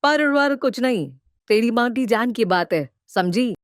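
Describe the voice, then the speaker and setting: A woman's voice: on the high side, animated, measured pace, no echo, clean studio sound. A woman voicing a greedy, scheming middle-aged mother-in-law in a cartoon, bossy and nagging. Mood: demanding. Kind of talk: cartoon voice acting.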